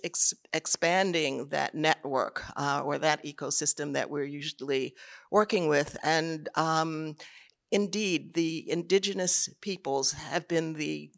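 A man speaking on a conference panel about arts programming, measured and thoughtful, often repeating words as he builds his points. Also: fairly high pitch, vocal fry, fairly bright tone. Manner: measured, frequent word repeats.

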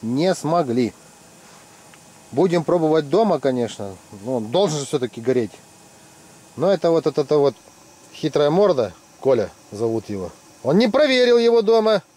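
His voice is on the high side and his speed normal as this middle-aged fishing vlogger teases his friends inside an ice-fishing tent. The casual commentary stays lively and jokey.

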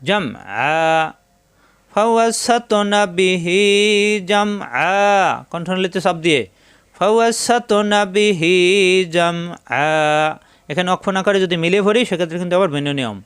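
A man with a Bangladeshi Bengali accent teaching Quran reading, spelling out each syllable patiently and chanting the words slowly. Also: sits high, a bit bright, clean tone, no echo, studio quality. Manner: slow drawn-out chanting of Arabic words between plain explanations. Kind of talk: step-by-step spelling and pronunciation lesson.

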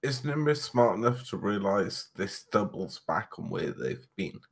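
A man's voice: fairly low pitch, big pitch swings, measured pace. A man born in Wales, talking casually as a player in an online tabletop game. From born in Wales to English parents.

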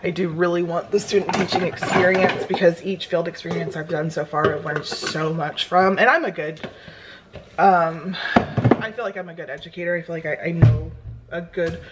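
Loud music plays under the voice of an American vlogger in her thirties, who cleans her home kitchen while chatting casually and rambling with many ums and likes. She speaks at normal speed in a lowish, fairly even voice. She films first on a phone held at arm's length, then on a camera farther away.

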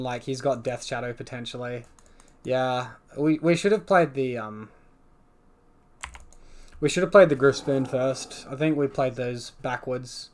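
A young man casually narrates his own card game match as it happens, talking through every play. He swings from groans to relieved excitement, and his pitch sits in the middle range.

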